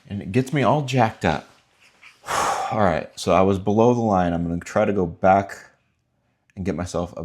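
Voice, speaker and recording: A man's voice: on the low side, a little mellow. Frustrated man venting in a vlog. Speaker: vlogger documenting his life. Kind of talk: casual self-filmed vlog.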